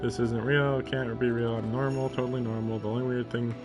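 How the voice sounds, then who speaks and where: Music plays behind a man with a medium-pitched, flat, brisk delivery. On a live stream, he reads a visual novel aloud with mock theatrics, breaking away for sarcastic asides that are sometimes profane, mixing live commentary and dramatic read-aloud.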